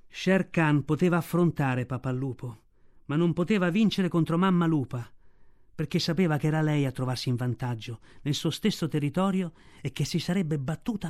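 A man narrating a story aloud in a steady storytelling delivery. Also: on the high side. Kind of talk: audiobook reading.

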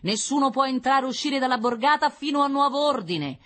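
Woman doing a booming police loudspeaker. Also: lively intonation. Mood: commanding. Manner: stern, drawn-out, official.

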